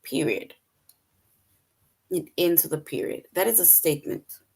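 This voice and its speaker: A woman's voice: sits low, a little slow, gravelly, mellow, slightly rough. A woman teaching an online English lesson to young children, patient and repetitive, often checking in with "right?".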